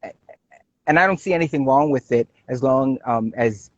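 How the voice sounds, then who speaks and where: A man from Brooklyn talks as a guest in a casual livestream chat. He speaks at an ordinary pitch and often stalls on fillers and restarts. The audio is dull and lo-fi. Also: no room sound. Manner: halting, many fillers and restarts, laughs easily.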